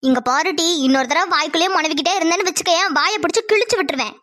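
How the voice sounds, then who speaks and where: A woman voicing a shrill scolding cartoon mother. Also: rapid-fire, a bit bright. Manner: shrill nagging threats. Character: scolding middle-aged village mother. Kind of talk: Tamil cartoon voice acting.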